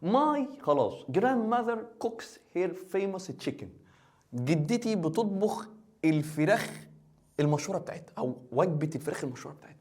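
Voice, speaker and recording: A man's voice: high-pitched, very animated, darkish tone. A man teaching English in Egyptian Arabic, joking as he translates and quizzes the student. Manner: quick, joking, asks the student questions. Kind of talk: playful exam-review lesson.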